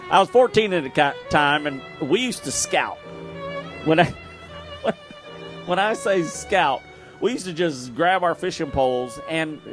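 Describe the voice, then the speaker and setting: A man, hosting an outdoors radio show and telling a story live, laughing often and throwing in sound effects. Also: mid-range voice. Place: live event at a bar.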